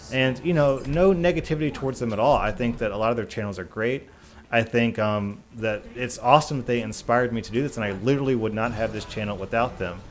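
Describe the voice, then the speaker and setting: A man talking casually and earnestly in a Q&A gaming vlog, stressing his points with repeated, emphatic phrases. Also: mid-range voice. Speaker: YouTube gaming content creator. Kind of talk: casual Q&A vlog talk, reading questions and answering.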